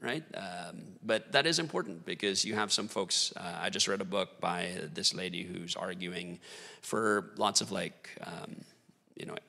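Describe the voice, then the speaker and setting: A man's voice: low-pitched, unhurried, vocal fry, pushed and bright, big-room sound. A man explaining theology in a casual discussion, thoughtful with many fillers. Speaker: guest theologian.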